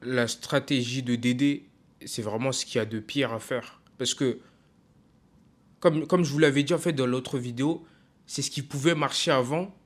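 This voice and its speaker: Frustrated young man ranting casually. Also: fairly high pitch. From France. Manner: frustrated, emphatic, halting with many fillers and restarts. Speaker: football vlogger. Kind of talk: casual video rant.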